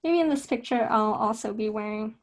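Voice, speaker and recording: Chatty young woman teaching drawing, fairly high voice. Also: brisk. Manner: relaxed, chatty, with many fillers and self-corrections. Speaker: art instructor. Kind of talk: casual drawing tutorial.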